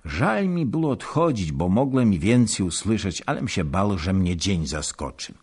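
A man's voice: deep voice, sing-song, normal speed, darkish tone, breathy edge, voice pushed up, exaggerated voice. A man voicing a boastful, hearty archer-nobleman, telling his tale in an emphatic old-fashioned way, in a storybook reading. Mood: proud.

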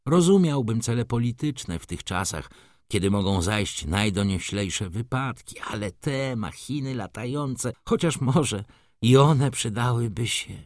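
A man voicing an excitable, fussy old male shop clerk in an audiobook, talking eagerly and persuasively. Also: mid-range voice, unhurried, dry recording, studio quality, pitched above the performer's own voice, lightly acted. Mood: chattering, gossipy.

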